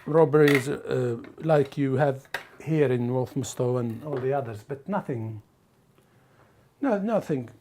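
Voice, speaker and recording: Speaking at a measured pace in a mellow, mid-range voice, a non-native English speaker from Algeria, middle-aged, reminisces conversationally. He's hesitant and repeats words, and the documentary location audio is clearly noisy.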